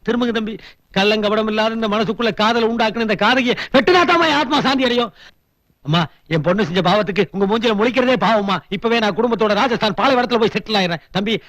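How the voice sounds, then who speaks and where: A man's voice: high voice, a bit bright, no echo. An actor playing a melodramatic, fawning comic servant and bride's father in a film, with theatrical self-pity. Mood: pleading. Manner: wailing, theatrical self-pity with fast chatter. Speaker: estate worker and bride's father.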